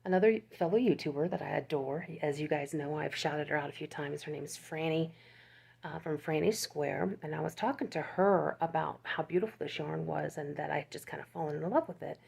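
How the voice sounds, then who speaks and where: With a low, gravelly voice that is a little mellow and slightly rough, an older woman talks briskly about her crochet for YouTube. It's a casual, rambling show-and-tell full of restarts and laughter.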